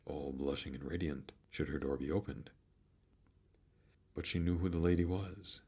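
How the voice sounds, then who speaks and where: A man narrates a classic tale in an extremely deep, firm voice with a heavy gravelly creak. His delivery is measured and soothing, with a husky edge to the tone.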